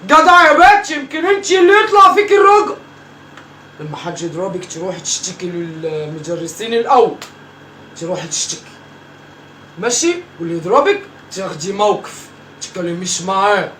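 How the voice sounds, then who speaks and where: A bright, forceful, sing-song voice in the middle range moves briskly as the performer plays a bossy Egyptian grandmother in a family comedy sketch. She teases and scolds the grandchildren in Egyptian Arabic, repeating herself, and the sound is distant and echoey with faint noise.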